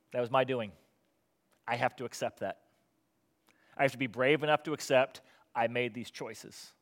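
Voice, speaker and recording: A man's voice: mid-range voice, fairly bright tone. Male pastor, earnest sermon delivery with sarcastic asides, mid-range voice, long church reverb. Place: church hall.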